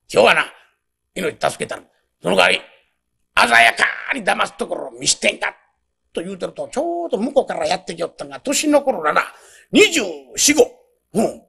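A man in a rakugo telling plays a brash young townsman who boasts in lively Kansai dialect. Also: high voice, gravelly, breathy edge, full character voice. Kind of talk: rakugo storytelling.

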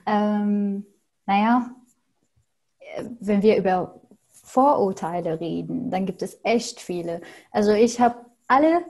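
Speaking through a headset mic on a video call from a small room hung with paintings, a young woman from Syria whose first language is Arabic gives casual answers as a podcast guest. Her mid-range voice is soft and mellow, and she takes her time, pausing often with fillers as she thoughtfully looks for the right words.

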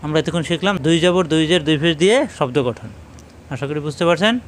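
Man drilling syllables, slightly high voice. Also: slight background noise. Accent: Bangladeshi Bengali. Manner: slow repetitive drilling, repeating each word several times; gives pronunciation corrections. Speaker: Quran reading teacher. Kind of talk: spelling drill lesson.

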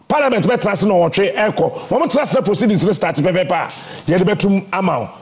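A man's voice: high-pitched, a little fast. A man with a Ghanaian accent hosting a radio morning show, commenting in Twi mixed with English. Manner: animated, switching between languages.

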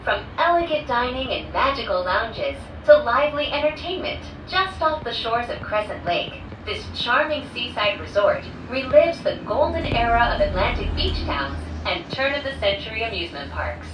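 A woman ride announcer giving a polished, lilting scripted announcement, played over a cabin loudspeaker. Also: fairly high pitch, sing-song, moderate pace, few pauses. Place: inside a moving gondola cabin. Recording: echoey, distant speaker with loud ride noise.

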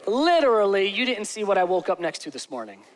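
A man in his forties preaching a sermon as pastor on a large church stage, joking and often asking the crowd "okay?", slowing down on key words. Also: high-pitched, big pitch swings, a little hiss or hum.

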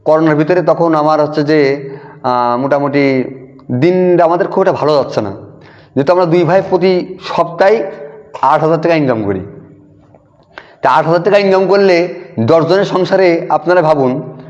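A man telling a personal devotional story in a lively way, quoting conversations and repeating lines for emphasis. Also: a little high, normal speed, pauses often. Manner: animated retelling, quotes dialogue with emphatic repetition. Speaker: devotee sharing a testimony. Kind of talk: storytelling testimony. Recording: dull audio in a long-reverb hall.

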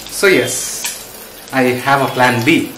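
A man's voice: mid-range voice, slow, echoey room, noisy background. A young man from India chatting casually in a vlog, switching between English and Hindi, recorded in a small home room and kitchen. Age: young adult. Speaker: vlogger.

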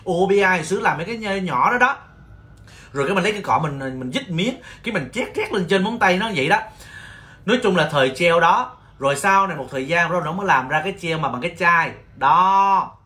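A man from Vietnam who owns a nail salon, telling stories on his livestream in an animated, exclaiming way with mock-scolding rants. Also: high voice, fast talker. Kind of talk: casual storytelling livestream.

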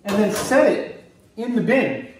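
A middle-aged beekeeper from Maryland talking through a hands-on demonstration while he works, relaxed and explanatory, recorded on a camera mic a few feet away in an indoor workroom. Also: high voice, measured pace, far from the mic, slight background noise. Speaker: beekeeper demonstrating honey harvest. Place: indoor workroom, hard surfaces. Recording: echoey room, voice off-mic.

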